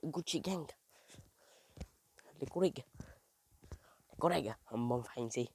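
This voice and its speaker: A young man rambling in slangy, self-mocking talk while walking alone outdoors at night in a dark village, recorded on the phone he carries. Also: mid-range voice, brisk, slight background noise. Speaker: vlogger. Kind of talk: rambling casual vlog. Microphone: phone held while walking.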